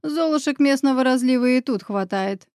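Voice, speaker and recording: A woman's voice: normal speed, darkish tone, no room sound, close to an everyday voice. A woman reading the part of a bitter, defensive middle-aged woman in an audiobook, voice close and dry. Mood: bitter confession. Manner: shrill and defensive. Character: bitter scheming middle-aged woman, future mother-in-law.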